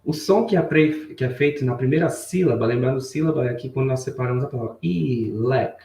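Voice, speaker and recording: A man teaching a live online English lesson, switching between Portuguese and slowly spoken English phrases and greeting viewers in the chat. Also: mid-range voice, vocal fry, darkish tone. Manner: bilingual, repeats English phrases slowly for learners. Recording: roomy sound, mic a bit far off.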